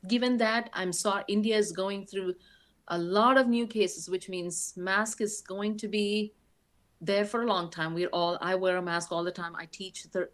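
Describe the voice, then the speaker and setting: A woman giving a practical online lecture on voice care, demonstrating exercises and talking with frequent ums. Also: medium pitch. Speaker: guest speaker on voice care. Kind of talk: webinar lecture.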